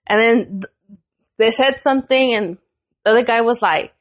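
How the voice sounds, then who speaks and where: Animated, profane young woman storyteller. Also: on the high side, normal speed. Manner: animated, profane, laughs often. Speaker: podcast co-host. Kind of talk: casual storytelling chat.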